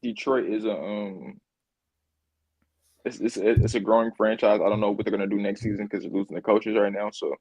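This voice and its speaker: A man's voice: on the low side, dark tone, breathy edge, no room sound, rough recording. A man co-hosting a podcast, chatting casually about football, repeating himself and laughing easily. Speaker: podcast co-host. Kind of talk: casual sports chat.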